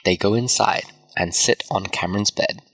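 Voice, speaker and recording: A man reading a story aloud slowly and clearly for English learners. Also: deep voice, fairly bright tone, poor audio. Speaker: narrator. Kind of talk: slow scripted story narration for English learners.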